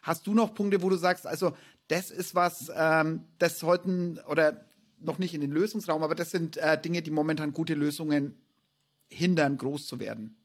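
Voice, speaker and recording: Husky-voiced man hosting a podcast. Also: a little high, steady tone, moderate pace. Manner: reflective, enthusiastic, long winding sentences. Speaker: podcast host. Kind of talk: podcast conversation.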